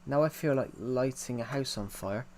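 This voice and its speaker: With slight background noise, a man livestreams from his computer at home, answering chat aloud in a loose, rambling way. His mid-range voice is a little mellow and moves at normal speed, colored by a thick accent with strong R sounds.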